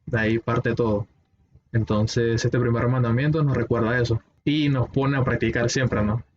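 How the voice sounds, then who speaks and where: Guy musing slowly in a bible study, stumbly, lots of noise behind, muffled. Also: mid-range voice, fairly even intonation. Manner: reflective, hesitant, with repeated words. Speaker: study group participant. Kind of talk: casual Bible study discussion. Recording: muffled lo-fi audio with clear background noise.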